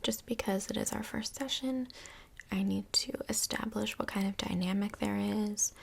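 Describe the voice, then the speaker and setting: In a soft-spoken ASMR roleplay, a woman plays a polite, busy couples counselor filling in for someone in Hell. She sounds breathy and whispery, calm and tactful, with measured, professional wording. Her voice is mid-range with fairly even intonation.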